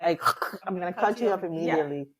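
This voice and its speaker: A woman in her thirties co-hosting a casual podcast chat, telling stories with lively mimicry. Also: on the low side, fast talker. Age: 30s. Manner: animated storyteller, mimics voices. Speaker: podcast co-host.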